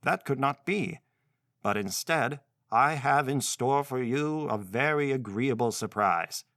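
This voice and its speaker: A man voicing an odd old godfather in a storybook reading, chanting slowly in a grating, monotonous tone. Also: medium pitch, dry recording, studio quality. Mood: mysterious.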